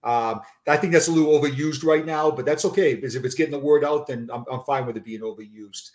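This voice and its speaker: A man in his fifties with a Boston accent, giving a conversational personal account as an interview guest, often repeating words haltingly. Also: medium pitch, darkish tone. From Massachusetts, United States. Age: 50s. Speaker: interview guest, retired police officer.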